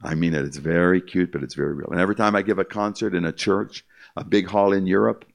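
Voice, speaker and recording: Here the pianist's low, gravelly voice stays steady as he talks quickly through his testimony. He's an older man addressing a live audience with emphatic repetition, and "my friend" is how he speaks to them.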